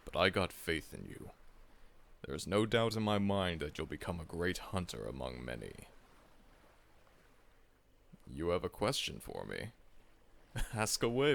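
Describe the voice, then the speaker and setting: In an ASMR audio roleplay, a man plays a seasoned, confident monster hunter who acts as a friendly mentor, reassuring the listener, calling them "kid," and chuckling often. His voice sits low and gravelly with a fairly bright tone, and he commits to a full character voice.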